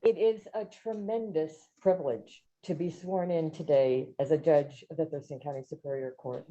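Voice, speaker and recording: Mellow, lowish woman giving formal thanks. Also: moderate pace. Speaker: newly sworn-in judge. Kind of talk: formal prepared thank-you speech. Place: courtroom. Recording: dull, muffled sound.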